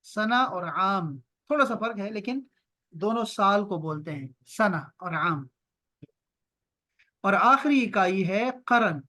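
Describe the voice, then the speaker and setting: A man teaching an online language lesson over a video call, repeating words slowly and drawing them out for his learners. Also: high-pitched, lively intonation, sharp tone. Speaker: Arabic teacher.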